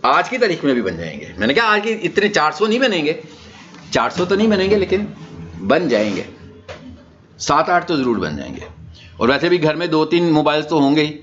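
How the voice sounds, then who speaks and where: Brisk and very animated, a Pakistani-accented man with a high, fairly bright voice leads an orientation session as a digital marketing trainer. His informal lecture is conversational, explaining ideas and tossing out rhetorical questions, all in dull, lo-fi sound.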